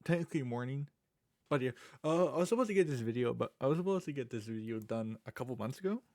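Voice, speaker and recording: A man with a slushy lisp and slightly slurred words, talking casually and haltingly as he introduces himself in a vlog, often repeating phrases. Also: mid-range voice, animated, darkish tone. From Canada. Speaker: content creator and streamer.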